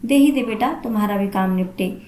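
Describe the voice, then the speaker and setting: A gentle, kind old father-in-law from a spoken family storybook, as a woman narrator voices him. He talks softly and affectionately, with no real lowering of the voice. The room around the voice is noticeably echoey. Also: fairly quick, slight background noise, lightly acted. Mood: tender. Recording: roomy echo.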